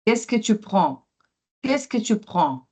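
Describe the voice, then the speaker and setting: Woman French teacher, very slow pace, repeats each word for practice. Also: mid-range voice, sing-song, a little mellow, husky. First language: Portuguese. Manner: repeats words slowly for pronunciation drills; switches between French and Portuguese explanations. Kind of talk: online language lesson.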